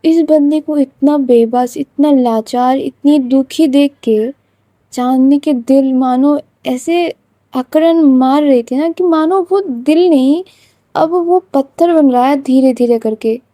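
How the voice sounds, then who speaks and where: A woman's voice: high voice, slow, warm tone, dry recording. A woman narrating an emotional love story in a conversational, dramatic way.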